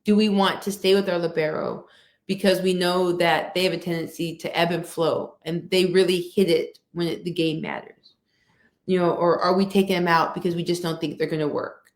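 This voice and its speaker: A woman guest speaker on a video call, answering in a steady, measured way with emphatic rhetorical asides. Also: on the low side. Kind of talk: conversational interview answer. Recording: echoey room.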